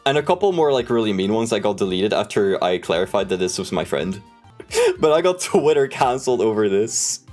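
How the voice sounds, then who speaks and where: A young man chatting casually on a livestream, telling stories in an animated, sweary way. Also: on the low side, normal speed. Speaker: streamer. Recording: music playing behind the voice. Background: background music.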